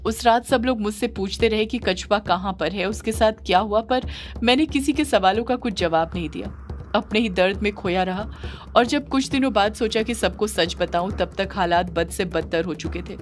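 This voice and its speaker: A woman's voice: mid-range voice, normal speed, soft background music, natural voice. Woman voicing a grieving young man. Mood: sorrowful. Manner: sorrowful inner monologue, quiet.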